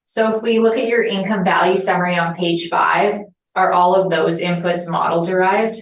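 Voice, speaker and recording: A woman on a review board asking measured questions in a boardroom. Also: lowish voice, steady tone. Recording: distant roomy mic with faint hiss.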